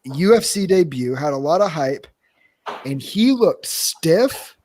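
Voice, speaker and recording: A man's voice: fairly high pitch, animated, darkish tone. A young man co-hosting a podcast, chatting casually and with strong opinions about fight results. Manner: opinionated, joking, quick asides. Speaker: podcast co-host. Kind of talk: casual fight recap chat.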